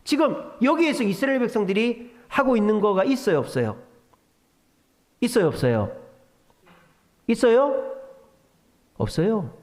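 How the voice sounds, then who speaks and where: A male pastor preaching a Friday prayer sermon, animated, playing out God's words in a casual voice and sometimes dropping to a whisper. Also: high voice, moderate pace, pauses often. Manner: drops to a whisper for emphasis.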